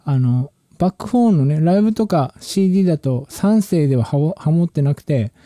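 Mellow, relaxed man, dry close sound. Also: fairly high pitch, fairly quick, dry recording. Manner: relaxed, rambling, slangy speech with many restarts. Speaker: musician and channel host. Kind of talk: casual talk about music production.

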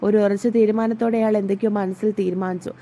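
Woman narrating a family story, warm and mellow. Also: mid-range voice, fast talker, slight background noise. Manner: reads all parts herself, lively shifts for dialogue.

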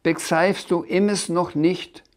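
A man voicing a small blue dragon who cannot pronounce R and talks slowly and puzzledly. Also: high-pitched, fairly even intonation, voice pushed up. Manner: slow, puzzled, swaps R for S.

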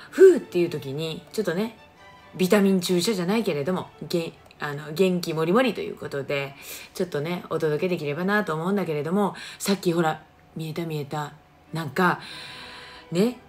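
Her pitch is fairly low and her tone darkish. A middle-aged livestream host from Kagoshima, Japan, she chats casually over her phone in a Kagoshima accent, greeting viewers by name while reading their comments.

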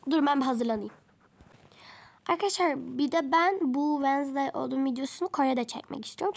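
A woman's voice: high-pitched, vocal fry. A woman chattily narrating a pretend travel vlog in a game, talking often to her viewers. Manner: chatty, addresses viewers often, mild swearing. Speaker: game role-play vlogger.

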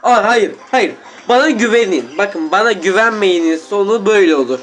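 A high-pitched man calls out his gameplay at home in a rush of exclamations, his throat sore and catching on a cough. He keeps turning to his viewers as friends. Faint noise sits under the voice. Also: lively intonation, normal speed, a bit bright. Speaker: gaming YouTuber. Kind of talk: excited gameplay commentary.

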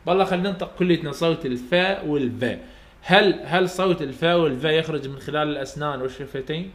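A man's voice: on the high side, fast. Iraqi man teaching in an echoey room. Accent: Iraqi Arabic. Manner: explains step by step, repeats sounds aloud for students to copy. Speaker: university English phonetics teacher. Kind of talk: recorded lecture for students.

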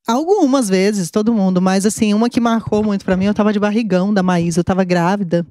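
A woman guest on a talk show, chatting in a quick, emphatic way. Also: medium pitch, warm tone, no echo, clean studio sound. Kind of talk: casual chat.

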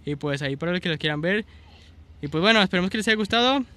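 A man's voice: high voice, animated, fast, sharp tone. A young man, hosting a gameplay video in casual commentary, chatty and often searching for words. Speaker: gaming channel host.

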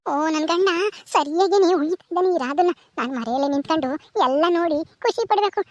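A woman's voice: very high-pitched, normal speed, a little mellow, lo-fi sound, a little hiss or hum. A woman acting a scheming young wife who murmurs secretive, gloating asides.

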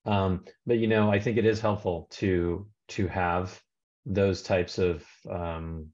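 A man's voice: sits low, fairly even intonation, takes it slowly, darkish tone. A man speaking on a video call, rambling with many fillers and restarts. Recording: dull lo-fi call audio.

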